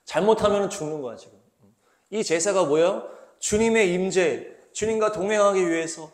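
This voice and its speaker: A man's voice: high voice, moderate pace. A male pastor giving a conversational sermon, reading scripture and explaining it with rhetorical questions. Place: small church hall. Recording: roomy echoing room.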